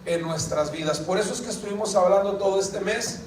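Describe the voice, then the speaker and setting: A man with a high voice preaches to his congregation, often asking questions and drawing replies from them. He sounds a little far from the mic, in a roomy church hall with a faint hum of people behind him. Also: a little fast, a little mellow. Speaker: pastor. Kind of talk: sermon. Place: church sanctuary. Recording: echoey church hall, picked up from a distance.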